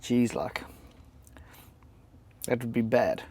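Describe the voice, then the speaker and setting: A man's voice: mid-range voice, slow, warm tone, slightly rough. A man from South Africa with a South African accent, chatting casually and jokingly for his travel vlog at a motorhome camp. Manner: chatty, joking, self-deprecating. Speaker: travel vlogger. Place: motorhome camp beside a racetrack, outdoors.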